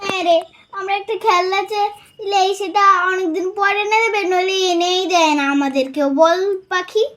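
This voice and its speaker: A woman's voice: very high voice, normal speed, noisy background. A woman voicing a moody older sister, a young girl who grumbles and sulks. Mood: worried. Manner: grumbling, sulky. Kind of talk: doll story voice acting.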